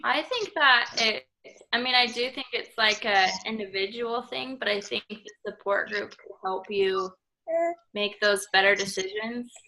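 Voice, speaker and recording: Brief: young student, bright clear voice, chatty with lots of fillers, video call. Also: female voice, medium pitch, measured pace, low-quality recording. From Idaho, USA. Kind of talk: casual group discussion.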